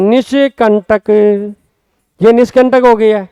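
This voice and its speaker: A man with a very high voice teaches a Hindi grammar lesson in a Rajasthani accent, spelling out words slowly and repeating them. His tone is smooth and resonant, recorded dry and close with no room sound. He keeps turning to his students with quick questions. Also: steady tone, mellow, no echo, dull audio. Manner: often asks the class quick questions.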